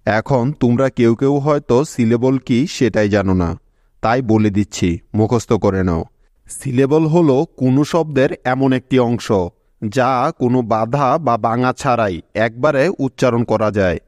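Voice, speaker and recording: A man's voice: medium pitch, normal speed, a little mellow, dry recording, clean studio sound. A man teaching English spelling rules to pupils, patiently repeating each step and stopping to check they understood. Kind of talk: scripted teaching narration.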